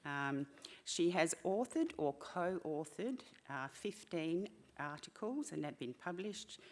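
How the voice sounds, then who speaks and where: Low-voiced woman host. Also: animated. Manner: halting, with frequent fillers and asides. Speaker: event host introducing a speaker. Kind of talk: reading a speaker introduction.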